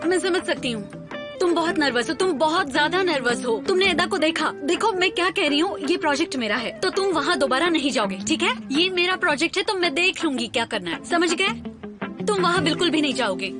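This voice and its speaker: Woman dubbing a bossy young gal in a drama, firm, high voice. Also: lively intonation, brisk. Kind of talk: Hindi dub of a TV drama. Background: background music.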